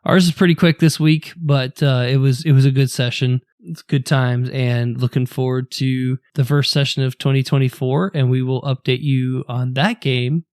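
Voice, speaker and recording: A man's voice: mid-range voice, fairly even intonation, moderate pace, darkish tone, dry recording, studio quality. A man co-hosting a podcast, chatting casually in a laid-back, rambling way with filler words. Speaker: podcast co-host.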